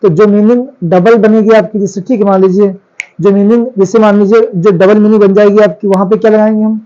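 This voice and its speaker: Guy teaching class, high voice, asks then answers himself, dull lo-fi sound. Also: level tone, a little fast, dark tone. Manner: asks questions and answers them himself, repeats key words. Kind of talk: classroom lecture on English grammar.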